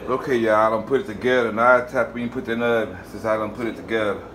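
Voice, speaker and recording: This cooking channel host hails from the Southern United States and narrates casually as he cooks in his home kitchen, addressing viewers as "y'all." His voice is lowish and rapid-fire, relaxed and chatty, with a bit of hiss or hum on the recording.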